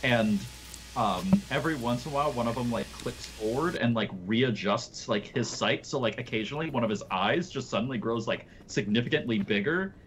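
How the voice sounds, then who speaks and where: A man's voice: medium pitch, lively intonation, fairly quick, a bit bright, slight background noise, rough recording. A young man narrating as game master, rambling and full of fillers.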